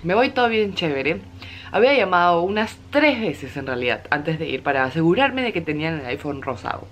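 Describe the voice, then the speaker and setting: A young woman, telling a story in a chatty, animated way as she unboxes a phone for her vlog. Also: low-pitched, brisk, a little hiss or hum. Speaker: vlogger. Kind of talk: casual vlog chat.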